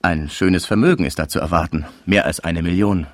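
A good-hearted old collector, earnest and attached to his treasures, in a lower, gentle voice, as a male narrator plays him. Dry, close recording. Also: brisk, no room sound, close to an everyday voice. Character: kindly older male art collector, devoted and gentle.

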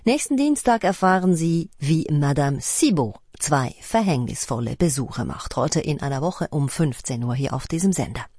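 A woman reading radio credits and announcements in a calm, measured way. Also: low-pitched, husky, dry recording, studio quality. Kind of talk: scripted announcement.

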